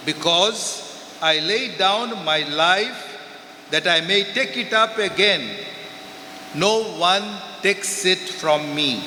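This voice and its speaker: At a large church's pulpit, a Goan-accented priest proclaims the Gospel and preaches the homily in brief, measured phrases. Heard via the pulpit mic and the church's speakers, his voice is high and sharp, carrying a slight hiss or hum and long, echoey reverb.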